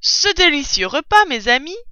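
A woman's voice: sits high, sing-song, normal speed, bright, forceful tone, dry recording, muffled recording, pitched above the performer's own voice, full character voice. A woman voicing a bold, clever male fox who leads his family, in a cheery, rousing storybook manner.

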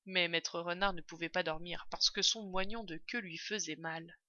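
A woman reads a children's audiobook aloud, telling the story expressively. Her pitch sits fairly low and she speaks at a normal speed. The audio is dull, with no echo.

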